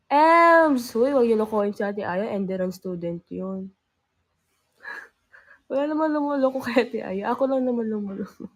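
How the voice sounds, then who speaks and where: A woman's voice: mid-range voice, breathy edge. A teenage woman hosting a live stream, sick with a cough, teasing and giggling as she chats casually with fans. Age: teens. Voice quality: loudness rises and falls. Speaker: livestream host.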